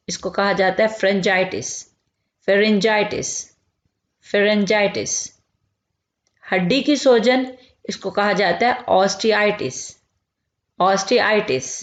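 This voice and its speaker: A woman teaching medical vocabulary, repeating each term slowly and clearly. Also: mid-range voice. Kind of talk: vocabulary lesson. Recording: echoey, dull lo-fi room recording.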